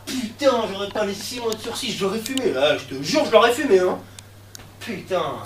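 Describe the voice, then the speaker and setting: A young man performing a comic monologue in slangy street talk, breaking into sudden shouts. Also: high voice, animated, normal speed. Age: young adult. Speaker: stand-up comedian. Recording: echoey room, far mic, faint noise.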